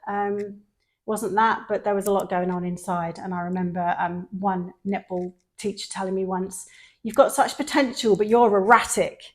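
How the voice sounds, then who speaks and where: A middle-aged Englishwoman hosts a podcast, telling her story in casual chat with a mixed London and Sheffield accent. Her voice is medium-pitched at a normal speed, and she is a chatty storyteller who does lively quoted voices.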